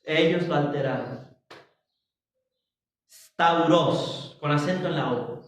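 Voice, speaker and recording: A man preaching a Bible study sermon as pastor, slow and halting, often restarting and turning to address his congregation. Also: on the high side. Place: church. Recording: roomy church hall, mic at a distance.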